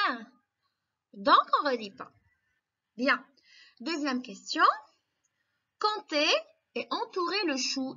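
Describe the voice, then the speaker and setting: A woman with a high, bright voice teaches young children, speaking very slowly, clearly, and patiently as she guides them step by step and encourages them. The recording is slightly dull and lo-fi.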